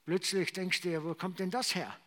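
A man's voice: sits high, fairly even intonation, fairly quick, a bit bright. A middle-aged man giving a conversational sermon testimony, full of fillers and restarts. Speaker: preacher.

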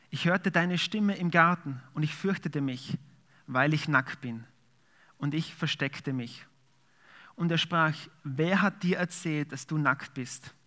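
A man's voice: a little high, pushed and bright. A man preaching a sermon, reading scripture aloud and then explaining it in a conversational way with fillers. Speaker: pastor.

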